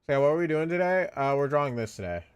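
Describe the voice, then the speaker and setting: A man's voice: fairly high pitch, very animated, rapid-fire, clean tone, lo-fi sound. A tired man chatting casually on a live stream, rambling and repeating himself while he draws. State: sleepy, yawning. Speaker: vtuber streamer.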